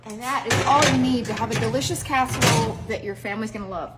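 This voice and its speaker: A woman's voice: fairly high pitch, fast talker, heavy background noise. A woman from Mississippi with a Southern accent, hosting a cooking demonstration in a bubbly, enthusiastic way. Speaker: cooking show host.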